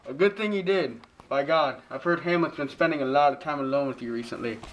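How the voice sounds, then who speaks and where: A man's voice: a little high, a little fast, close to an everyday voice, rough recording. A man playing a pompous, overbearing father who lectures and scolds in a parody drama. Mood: scolding. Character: pompous, preachy, overbearing father of grown children. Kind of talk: parody drama acting, modern-English Shakespeare.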